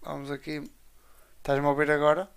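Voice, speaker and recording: Portuguese guy from portugal accent, bit high and crackly voice, casual live chat, slangy with english words. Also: completely flat delivery, a little fast, creaky, clean tone. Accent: European Portuguese. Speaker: wrestling show co-host.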